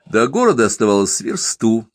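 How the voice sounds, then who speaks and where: A man's voice: lowish voice, sing-song, brisk, no echo. Man reading a novel aloud, dry booth. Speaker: narrator. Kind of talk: audiobook narration of a historical novel.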